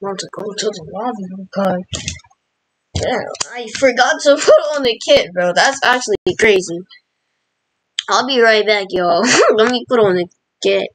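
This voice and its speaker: A woman's voice: medium pitch, a little slow, rough recording. A woman giving live gameplay commentary as a channel host, dramatic and exasperated, talking in casual slang.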